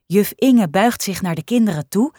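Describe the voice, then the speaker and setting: A woman narrating a children's storybook in a clear, expressive way. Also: mid-range voice, normal speed, dry recording, studio quality. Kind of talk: storybook reading.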